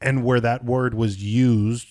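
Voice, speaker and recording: A man from Puerto Rico hosting a relaxed podcast conversation. He talks in stops and starts, circling back and restarting his thoughts, at an ordinary middle pitch. The sound is dry and close, with no room echo. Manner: halting, many restarts and fillers. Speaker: podcast host. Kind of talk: casual podcast chat.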